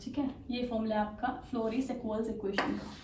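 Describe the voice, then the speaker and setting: A woman's voice: fairly high pitch, fairly even intonation, fast, far from the mic. A woman teaching a chemistry exam-prep lecture, explaining step by step, asking rhetorical questions and mixing in English technical terms. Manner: mixes English technical terms into her talk. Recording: echoey room, voice a bit off-mic, faint hiss.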